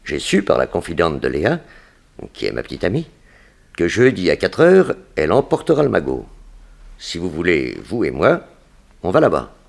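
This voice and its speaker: In a 1960s French radio crime drama, a male actor gives a full character voice to a vengeful, scheming gangster. His low, gravelly delivery is deliberate, insinuating, and firm.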